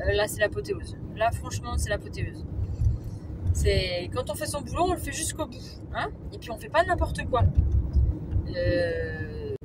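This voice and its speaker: A woman's voice: on the high side, background noise. A woman vlogging outdoors, exasperated and ranting with hesitations. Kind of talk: casual vlog. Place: outdoors, parking lot and hospital grounds.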